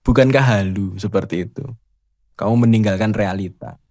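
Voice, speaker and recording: A man's voice: fairly low pitch, moderate pace, a little mellow. A man hosting a casual spiritual monologue, teasing and rhetorical as he challenges the listener. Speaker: host.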